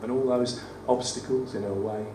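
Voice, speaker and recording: Delivered at a medium pitch with fairly even intonation and normal speed, this is a male performance poet's croaky, West Midlands-accented voice as he reads poems with wry, self-deprecating banter at a live cabaret event. The setting is a studio theatre, captured on a distant mic in a roomy space with audible room noise and audience ambience.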